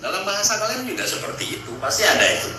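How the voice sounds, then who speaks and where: A man casually explaining word meanings in a lively, emphatic way, leaning on repeated "nah" between points. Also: sits high, very fast. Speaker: explainer of Acehnese language. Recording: very echoey room with noise.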